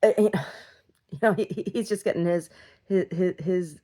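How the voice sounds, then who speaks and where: A woman's voice: on the low side, unhurried, mellow. A woman talking casually to herself in a rambling video diary, blunt, irreverent and sardonic. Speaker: video diarist.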